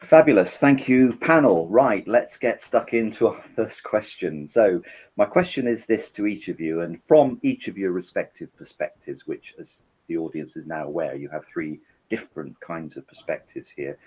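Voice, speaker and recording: A man's voice: low voice, moderate pace, darkish tone, slightly rough. A man chairing a webinar panel on a video call, politely handing over to each speaker and inviting questions. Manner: polite, chatty moderator with restarts.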